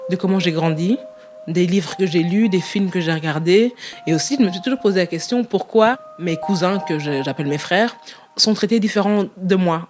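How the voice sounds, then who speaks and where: A young woman in a casual interview, talking candidly in a quick, lively way and laughing often. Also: on the low side.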